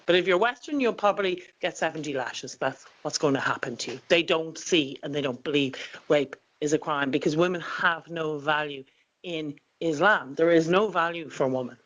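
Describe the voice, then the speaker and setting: Host, mid-pitched voice, brisk and insistent, frequent ums. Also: a bit bright, low-quality recording. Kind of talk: political talk show interview.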